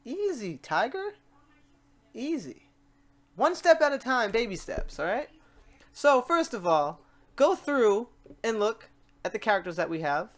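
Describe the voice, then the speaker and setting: Speaking at a measured pace with frequent pauses, this medium-pitched host guides viewers through a piece of software. It's loose and slangy, with lively role-play of a learner's questions and excited reactions.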